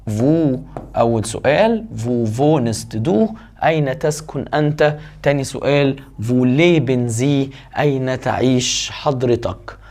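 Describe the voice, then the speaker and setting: Man, Egyptian Arabic accent, German teacher, animated pitch, careful slow German phrases. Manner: lively, rising question intonation. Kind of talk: language lesson.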